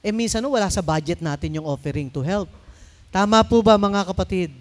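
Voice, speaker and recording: High-voiced Filipino pastor preaching. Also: male voice, a little fast. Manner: conversational preaching mixing in English, asks the congregation for responses. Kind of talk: sermon.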